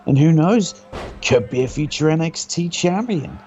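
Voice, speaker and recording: A fairly high-voiced man with a creaky edge acts as a wrestling commentator. He describes each move in an informal, reactive way. The audio is dull and lo-fi. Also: lively intonation, moderate pace, mellow, soft background music.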